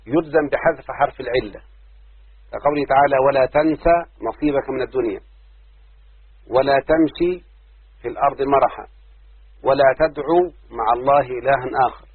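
A man lectures on grammar, going through each rule patiently and repeating the main points. His voice has a husky edge, and the recording is dry and narrow, like it came over a phone line. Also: medium pitch, dry recording. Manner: explains step by step, repeats key rules and quoted examples. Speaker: grammar teacher. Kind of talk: classroom lecture.

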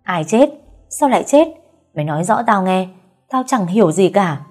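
Woman voicing a gruff old nanny. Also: lowish voice, normal speed, warm tone, soft background music, lightly acted. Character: older female nanny, gruff and evasive.

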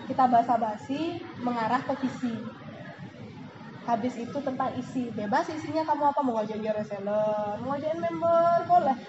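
A woman giving an animated motivational talk to a sales team, acting out examples as she goes. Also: high-pitched. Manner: lively, animated, acts out examples. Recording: echoey room, dull lo-fi, noisy.

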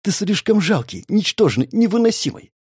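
A man's voice: big pitch swings, moderate pace, darkish tone, breathy edge, no room sound, studio quality, exaggerated voice. A man voicing a haughty, bitter young woman model who hisses her contempt. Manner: hissing, contemptuous, rising to shrill complaint.

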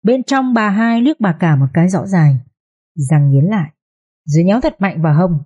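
Husky, dark-voiced woman telling a story. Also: on the low side, moderate pace, muffled recording. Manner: steady, expressive storytelling. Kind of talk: audio story narration.

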